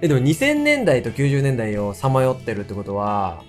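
Animated man hosting casual chat. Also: mid-range voice, fairly quick, faint music behind. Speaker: talk show host.

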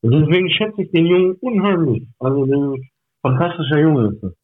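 A man's voice: on the high side, a little fast. Tinny-sounding man telling stories. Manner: storytelling, acts out quoted dialogue. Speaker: podcast guest. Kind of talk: casual chat.

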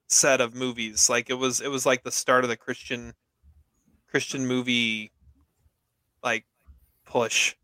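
A man co-hosting a movie podcast in a relaxed way. His voice is smooth and resonant, recorded dry and close. He chats with quick short reactions. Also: medium pitch, no echo. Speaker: podcast co-host. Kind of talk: casual movie podcast chat.

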